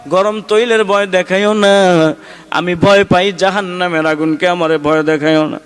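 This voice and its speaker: A preacher voicing a pious woman who calmly and firmly refuses a tyrant, in a hall with long reverb. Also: high voice, moderate pace, clean tone, lightly acted. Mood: defiant. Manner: steady, firm, listing reasons. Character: pious defiant woman servant, calm, unshakable. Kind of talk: sermon storytelling.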